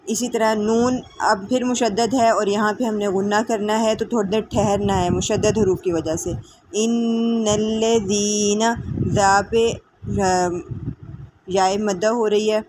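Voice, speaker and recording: A woman teaching tajweed, explaining the rules quickly and reciting verses slowly with long drawn-out vowels. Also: mid-range voice, steady tone, darkish tone. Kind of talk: tajweed lesson.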